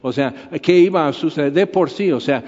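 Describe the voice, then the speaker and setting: A man preaching a sermon in a rambling, conversational way, slowing down for emphasis. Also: fairly high pitch, a little mellow. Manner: conversational, rambling, with frequent filler words. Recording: dull lo-fi recording in a reverberant hall.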